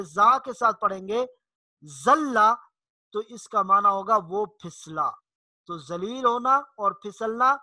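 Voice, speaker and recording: A man teaching correct Quran pronunciation in a patient lesson, repeating each word and reciting the Arabic examples slowly. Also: extremely high pitch, sharp tone, no room sound.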